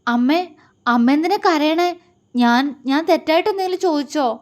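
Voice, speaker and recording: A woman's voice: sits high, close to an everyday voice. Woman doing a shy stammering girl. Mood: anxious. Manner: stammering, halting. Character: shy, innocent young woman, hesitant.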